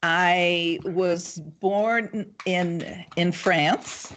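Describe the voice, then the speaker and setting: An older woman answering interview questions in a measured, thoughtful way, pausing often with ums. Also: fairly low pitch, fairly even intonation, fairly bright tone, slight background noise. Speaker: guest, local party committee chair. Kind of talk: casual livestream interview.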